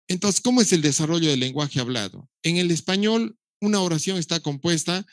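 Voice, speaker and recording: On the high side, animated and a little fast, this middle-aged man's voice comes through with no echo. He's a doctor delivering a recorded lecture on how children learn to speak, walking through it step by step, mimicking baby sounds and slipping in dry humor.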